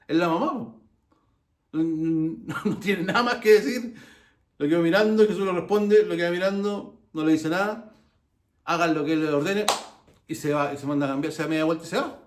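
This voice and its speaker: A man's voice: high voice, moderate pace, reverberant. A man with a Chilean accent giving a conversational sermon, telling the story with humor, many restarts and side remarks. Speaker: preacher.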